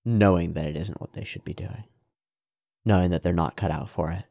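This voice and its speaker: A man with a fairly deep voice delivers casual commentary as a reaction host. He talks in an animated, sweary way and repeats phrases for emphasis. The sound is dry, with little room echo. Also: brisk, creaky. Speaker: host of an anime reaction show.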